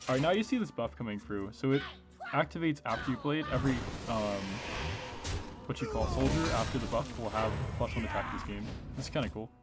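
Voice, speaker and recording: A man's voice: mid-range voice, fairly quick. A man giving casual gameplay commentary, thinking aloud and explaining his moves hesitantly. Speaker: gamer, host. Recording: game music behind voice.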